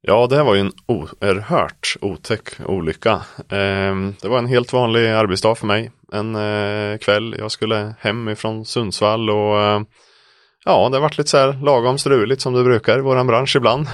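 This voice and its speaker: A man's voice: fairly low pitch, fairly even intonation, a bit bright, no echo, clean studio sound. A man from Sweden who owns a trucking company, earnestly recounting a frightening event step by step as a podcast guest. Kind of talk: personal account in a podcast interview.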